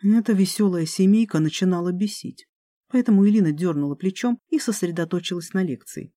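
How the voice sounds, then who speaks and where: Mellow-voiced audiobook narrator. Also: medium pitch, brisk, no echo, studio quality. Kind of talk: scripted fantasy narration.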